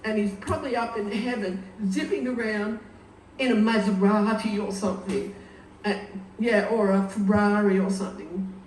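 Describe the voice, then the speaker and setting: An older woman delivers an informal funeral speech in an echoey room, picked up from a distance. She speaks slowly and haltingly, unscripted, telling family anecdotes with dry humour. Faint noise sits behind her. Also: mid-range voice, darkish tone. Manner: halting, unscripted, wryly humorous storytelling. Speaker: sister giving a funeral eulogy.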